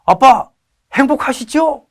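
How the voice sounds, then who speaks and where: A man's voice: high voice, moderate pace, voice pushed up, natural voice. A man voicing his school-age son, a cheerful, wheedling boy who calls his dad on the phone. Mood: pleading.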